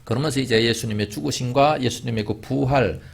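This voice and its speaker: A man's voice: quick pace, creaky, breathy edge. A man preaching a sermon in a church, telling a story with big rises and falls in his voice. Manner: storytelling, with large swings in pitch and loudness. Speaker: pastor. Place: church sanctuary.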